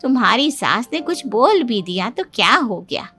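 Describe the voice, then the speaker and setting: A caring mother from a cartoon story gives gentle, soothing advice, voiced by a woman. Her voice is fairly high and bright. Soft music plays behind her. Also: big pitch swings, moderate pace. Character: caring mother, calm and advising.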